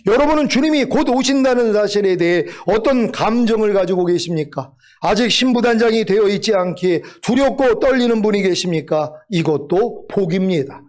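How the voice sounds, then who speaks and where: A man preaches a sermon with earnest exhortation and a playful nudge at his listeners. His voice sits notably high for a man. He talks straight to the congregation as their pastor. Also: darkish tone.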